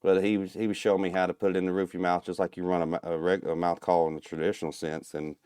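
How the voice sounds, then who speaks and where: A man guesting on a podcast, explaining things step by step in a relaxed, casual way over a video call. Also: sits low, very fast, smooth, dry recording, studio quality. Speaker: guest, turkey call maker.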